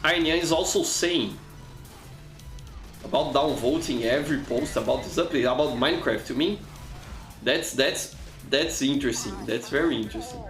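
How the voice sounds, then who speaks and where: A Brazilian streamer, a native Portuguese speaker with a Brazilian accent, gives chatty live gameplay commentary, reading chat aloud and repeatedly restarting and doubling words. His medium-pitched voice is a bit bright at a moderate pace, echoing in the room over soft background music.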